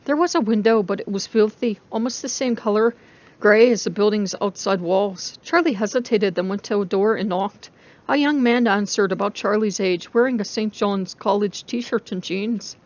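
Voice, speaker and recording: A woman's voice: medium pitch, moderate pace, darkish tone. Woman dramatically narrating, slightly muffled recording. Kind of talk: dramatic story reading.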